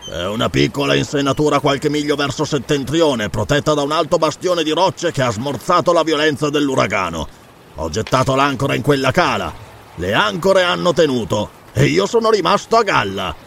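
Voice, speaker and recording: A man's voice: medium pitch, animated, moderate pace, creaky, fairly bright tone, slight background noise. A man playing a bluff, mocking pirate. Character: brash mocking male pirate captain. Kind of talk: audiobook character reading.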